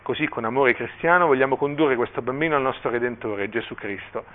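Un uomo che legge le battute di un vescovo brillo e confuso, con tono solenne e incerto. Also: male voice, mid-range voice, fairly quick, close to an everyday voice. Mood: solemn. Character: tipsy, muddled middle-aged male bishop. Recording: tinny phone-like line.

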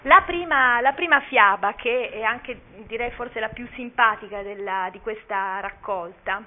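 A woman giving an informal talk about a children's story, speaking hesitantly with many pauses and restarts. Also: fairly high pitch. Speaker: speaker presenting a children's book. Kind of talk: informal talk with read-aloud passages. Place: talk at a cultural gathering. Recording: tinny phone-like lo-fi audio, faint hiss.

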